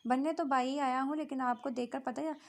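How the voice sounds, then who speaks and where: A woman's voice: high voice, fairly even intonation, moderate pace. A woman voicing a playful young man who teases and jokes, in a storybook reading. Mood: teasing. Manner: jokey, teasing.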